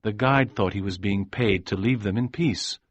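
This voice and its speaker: A man narrating an audiobook in a calm, measured way. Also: fairly low pitch, dry recording.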